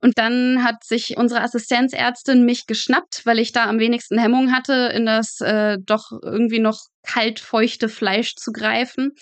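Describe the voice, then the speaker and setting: Speaking at a measured pace with almost no pauses, this woman in her twenties has a slightly high voice and a flat delivery, with no room sound around her. She's a guest in a lively interview, a medical student working in a pathology practice, spinning humorous, vivid anecdotes in casual language.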